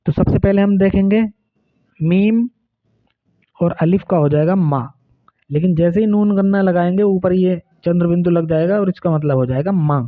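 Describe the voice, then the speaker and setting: A man teaching Urdu reading, reading out words and practice sentences slowly and deliberately. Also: sits high. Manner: slow, deliberate word-by-word reading aloud. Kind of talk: reading lesson with slow drills. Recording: narrow phone-like sound.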